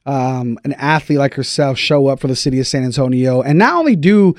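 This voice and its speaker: A man's voice: medium pitch, animated, a little fast, darkish tone, dry recording, clean studio sound. A man co-hosting a podcast, talking casually as a sports commentator would among friends. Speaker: podcast co-host. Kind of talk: casual wrestling talk.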